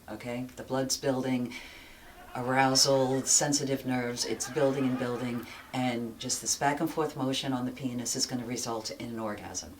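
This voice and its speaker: A woman's voice: a bass voice, slight background noise. A woman hosting a talk show, explaining things candidly and checking in with "okay?" as she goes. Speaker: show host. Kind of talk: frank casual talk.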